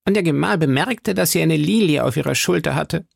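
A man doing a loud, astonished young musketeer. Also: on the high side, fairly quick, creaky, husky, no echo, clean studio sound, voice pushed up, exaggerated voice.

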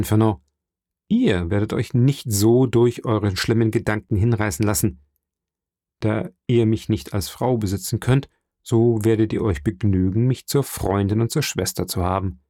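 A man's voice: dark tone, dry recording, studio quality. A man reading an audiobook, voicing a poor but proud young woman in a raised, earnest voice. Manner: raised pitch, earnest pleading tone.

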